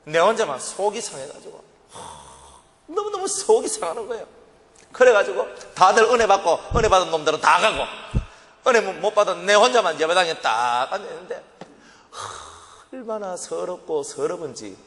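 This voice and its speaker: In a church sanctuary with long hall reverb, a Gyeongsang-accented male pastor preaches at a normal pace, his high, fairly bright voice very animated. His sermon is dramatic testimony in which he re-enacts his former prayers and crying.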